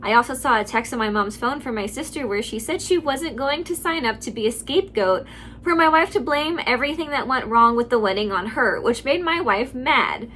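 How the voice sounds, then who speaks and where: A woman hosts a channel where she reads online stories and reacts in casual, chatty commentary, laughing between remarks and leaning heavily on "like" and other fillers. Her voice is on the high side, bright, forceful, and lively in intonation, a little fast, with a slight hiss or hum in the audio.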